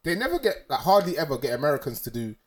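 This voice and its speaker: A young man from Ghana hosting a casual podcast chat, animated and full of slang, his voice leaping up when he makes a point. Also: rapid-fire. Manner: animated, London slang, jumps up in pitch when making a point. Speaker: podcast host.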